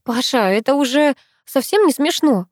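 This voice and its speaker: A woman reading an audiobook who voices a sharp-tongued, flustered young woman with raised, exclamatory lines. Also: a little high, expressive, moderate pace, dry recording, studio quality, voice pushed up, natural voice. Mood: yelling. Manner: loud, mocking, exclamatory.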